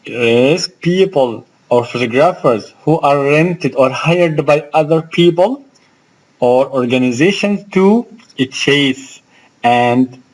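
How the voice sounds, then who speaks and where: Male English teacher with an Egyptian accent, slow and patient, mid-pitched voice, explains each word and checks that the class follows. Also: rough recording. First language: Arabic. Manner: slow, explaining, spells out words and asks the class questions. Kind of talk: vocabulary lesson.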